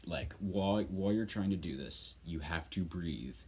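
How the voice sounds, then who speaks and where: A man with a low voice talks through a vocal lesson like a casual coach. He rambles informally and leans on words for emphasis. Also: normal speed, slightly rough. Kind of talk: casual spoken tutorial.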